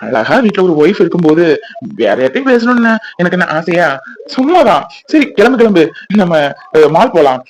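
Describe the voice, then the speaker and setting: A man's voice: high voice, sing-song, fairly quick, rough recording. A man voicing a teasing young husband in a cartoon, pleading and joking with his wife. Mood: jokey. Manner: pleading, jokey.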